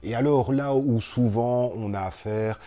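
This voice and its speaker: A man's voice: medium pitch, unhurried, dark tone. A man co-hosting a casual chat, enthusiastically explaining board games. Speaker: board game reviewer co-host.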